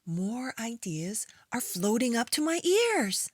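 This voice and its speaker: A woman reading aloud to young children as a preschool storytime host, in an expressive storytime voice. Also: fairly high pitch, husky, no echo, clean studio sound. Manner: storytime voice, slow and expressive with acted animal and object sounds.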